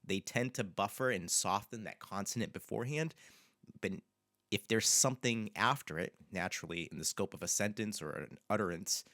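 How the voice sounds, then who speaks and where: A man, a language teacher, explaining pronunciation in an unhurried way and repeating example words slowly. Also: fairly low pitch, pushed and bright, no echo, studio quality.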